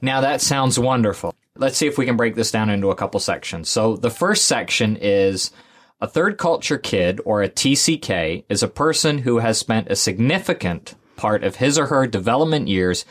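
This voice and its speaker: Husky male host, steers the talk by summing up. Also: fairly low pitch, lively intonation, normal speed. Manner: summarizing, guiding questions, recaps points. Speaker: interview host. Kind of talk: conversational interviewer.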